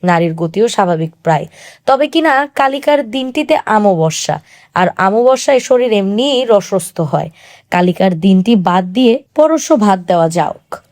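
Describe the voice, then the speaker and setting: Casting: woman reader as a measured, authoritative middle-aged healer, stern yet kindly. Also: medium pitch, lively intonation, a little mellow, natural voice. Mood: grave. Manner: grave, measured, stern then tender.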